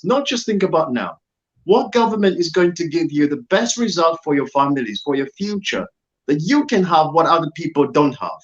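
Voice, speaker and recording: A Zambian man appears as a guest on an online talk show, making an earnest, emphatic political appeal and repeating his key phrases. His voice is on the high side, and the recording's highs are cut off.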